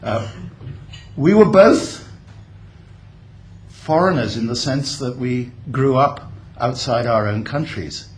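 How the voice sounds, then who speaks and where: An older man who grew up in India speaks at an opening event, thinking aloud with frequent pauses and fillers. His voice sits at an ordinary middle pitch. Faint room ambience hangs behind him. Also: slight background noise. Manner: reflective, speaks off the cuff with many pauses and fillers. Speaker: guest speaker. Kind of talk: formal speech. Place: event hall at a building opening.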